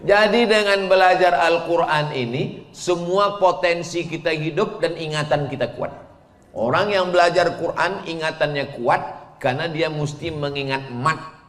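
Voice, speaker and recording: A male preacher delivers a sermon at a slow, deliberate pace, drawing the crowd into playful question-and-answer. His voice rings through a large hall with a long, roomy reverb trailing each phrase. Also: on the high side. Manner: lively, teasing call-and-response with the audience.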